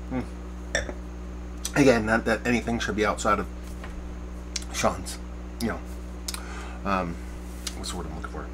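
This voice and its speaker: A man's voice: lowish voice, noisy background. A bearded man in his forties giving a casual, rambling beer review to camera from a small shed studio, often searching for words. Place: backyard shed studio at night, small room.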